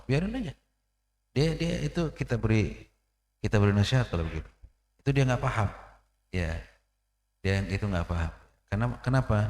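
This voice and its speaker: A low, mellow male voice delivers a relaxed, chatty sermon, repeating his phrases and dropping in little "ya"s and throat clears. He sounds like he is speaking in a roomy mosque hall, with a long reverb trailing after every line. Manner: conversational, repeats phrases, frequent "ya" and "iya", clears throat often. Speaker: preacher.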